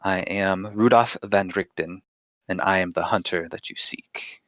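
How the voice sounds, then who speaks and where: A man voicing a mysterious, formal vampire hunter in a tabletop game, gravely revealing himself as a cliffhanger ending. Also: low-pitched, measured pace, a bit bright, no room sound, studio quality. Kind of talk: tabletop game character acting.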